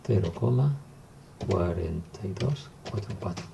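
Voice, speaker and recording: Low gravelly male teacher. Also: measured pace, a little hiss or hum. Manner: calm, step-by-step explaining while writing. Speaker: math teacher. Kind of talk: recorded math lesson.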